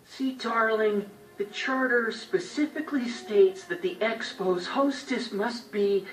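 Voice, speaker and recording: A man's voice: high voice, slow, echoey room, far from the mic, rough recording. An actor voicing a breezy, persuasive teenage boy time traveler in a video game.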